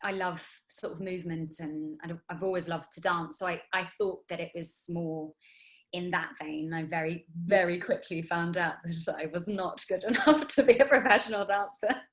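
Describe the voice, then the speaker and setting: A woman in her thirties with a low-pitched voice chats casually as an interview guest. She rambles, restarting sentences and filling pauses with ums. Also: steady tone, low-quality recording. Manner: chatty, rambling, many fillers and restarts. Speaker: guest actress.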